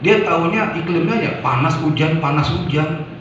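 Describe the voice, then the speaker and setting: A man's voice: fairly high pitch, normal speed, fairly bright tone, slight background noise. Male preacher, storytelling lecture style, recorded far off with heavy echo. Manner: storytelling, with sound effects and acted quotes. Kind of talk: lecture to an audience. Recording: echoey hall, distant mic, muffled.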